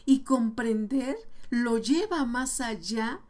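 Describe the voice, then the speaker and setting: Lady teaching parents about reading, patient, slightly high voice, slows down to sound words out. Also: animated, darkish tone. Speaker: early literacy educator. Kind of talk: explanatory talk to parents.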